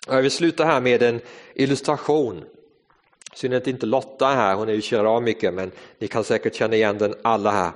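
A man preaching a sermon, earnest and storytelling, shifting between fast and slow phrases in a church. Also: medium pitch, steady tone. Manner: earnest storytelling, varied tempo. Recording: reverberant hall.

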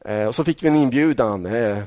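A man's voice: medium pitch, warm tone, no echo. A middle-aged man from Sweden preaching a sermon, telling stories from his own life in a conversational way and speaking straight to the congregation. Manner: storytelling, conversational, addresses the congregation directly.

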